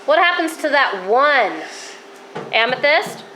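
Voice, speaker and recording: A woman's voice: high voice, expressive, takes it slowly, bright, forceful tone, slight background noise. A woman teaching a math lesson to a class of children, encouraging them and asking questions, her voice worn and close to giving out. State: coughing, losing her voice.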